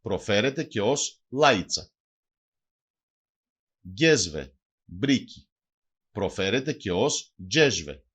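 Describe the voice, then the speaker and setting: A man narrating a language lesson from a script. He reads each word and then its translation in a measured teaching cadence. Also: lowish voice, lively intonation, slightly rough.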